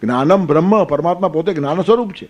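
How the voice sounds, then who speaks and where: In a Gita discourse, a male spiritual teacher speaks at a quick pace in a fairly high, somewhat mellow voice. He tells homely stories to unpack the sacred text, counting aloud and tossing in playful asides.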